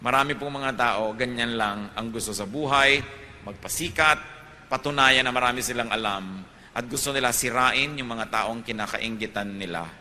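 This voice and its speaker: A man's voice: medium pitch, moderate pace, bright, forceful tone, long reverb tail, slight background noise. A Filipino man preaching a sermon, moving between Tagalog and English and building to emphatic peaks.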